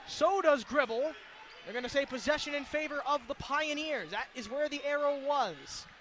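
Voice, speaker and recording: This radio play-by-play man calls basketball with a very high-pitched voice, firing off short, clipped phrases in an excited, projected style. He's inside an indoor arena, where the recording picks up loud crowd and gym noise, plus the crowd and a bouncing ball in the background.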